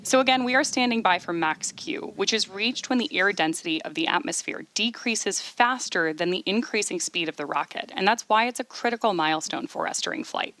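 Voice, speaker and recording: A woman giving measured, explanatory live commentary as the host of a launch webcast. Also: medium pitch, lively intonation, a bit bright, no room sound.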